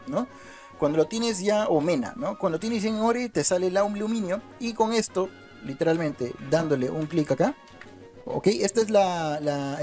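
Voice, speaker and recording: A man's voice: on the high side, darkish tone. A young man in his twenties from Peru, with a Peruvian accent, chatting casually through a game tutorial and often checking in with "right?". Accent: Peruvian Spanish. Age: 20s. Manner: chatty, keeps asking "¿está bien?" and "¿no?". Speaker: gaming YouTuber. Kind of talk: casual gameplay tutorial commentary. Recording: faint music in the background.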